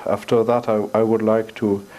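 Here the French-accented guest lecturer, a middle-aged man, sounds lowish, level and mellow at a lectern in a university room. He stumbles and repeats words often as he gropes for how to phrase his academic points.

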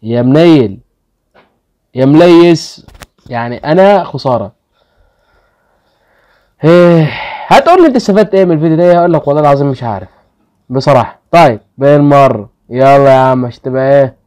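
A man's voice: mid-range voice, animated, fast talker, long pauses, a little mellow. A man with an Egyptian Arabic accent hosting a casual gaming video, pleading with his luck and grumbling when the results go badly. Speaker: gaming channel host.

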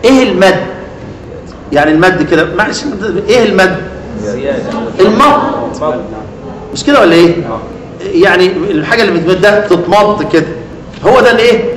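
A man's voice: high-pitched, a little fast, long pauses. Egyptian male teacher, quizzing style, faint room noise, roomy hall sound. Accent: Egyptian Arabic. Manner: asks students leading questions, then answers them. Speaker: Quran recitation teacher. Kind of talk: classroom lesson. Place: lecture hall.

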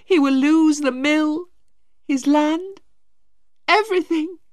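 A woman reading a storybook voicing a distraught teenage girl, high and tearful. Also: a little slow, no echo, studio quality.

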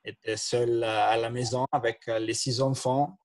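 A man, a doctor giving his testimony from an attic room over a video call, halting with many fillers. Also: medium pitch, flat delivery, a little mellow, no room sound. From Italian-speaking Switzerland. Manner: hesitant, many fillers and restarts. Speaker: internal medicine doctor. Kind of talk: panel testimony. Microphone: laptop webcam on a video call.

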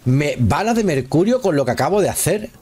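A man's voice: a little high, big pitch swings, brisk, warm tone, breathy edge. A man giving casual live commentary while playing a video game, chatting with viewers and exclaiming at the action. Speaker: gameplay streamer.

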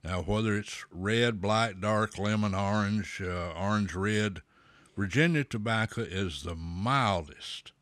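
A man talking slowly with a pipe in his mouth, a folksy host explaining at a measured pace with pauses. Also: fairly low pitch, fairly bright tone, no room sound. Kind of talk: slow, deliberate explainer talk.

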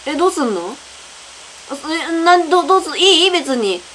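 A young woman playing a horror game and commenting on it, excitable and quick to shriek when scared. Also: high-pitched, a little hiss or hum, low-quality recording. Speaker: gaming YouTuber.

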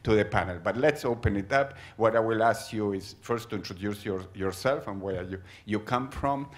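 A man moderating a conference panel, speaking haltingly into a handheld mic while he searches for words. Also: on the low side.

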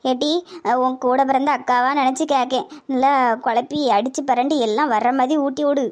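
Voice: sits high, steady tone, fairly quick, lightly acted. A voice actor playing a blunt, eager village woman in a cartoon comedy.

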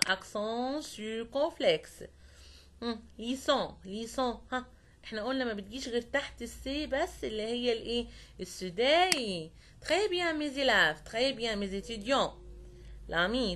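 A woman with an Egyptian Arabic accent teaching French to young students, repeating each word slowly and checking that they follow. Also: fairly high pitch, animated, fairly bright tone, a little hiss or hum. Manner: patient, repeats words slowly and checks understanding.

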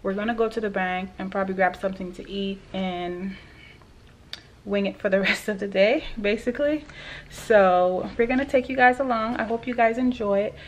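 Speaking at medium pitch and normal speed, a vlogger in her thirties chats straight into a handheld camera held at arm's length while going about her day at home and in the car. The recording is noisy in the background, with the car air conditioning audible.

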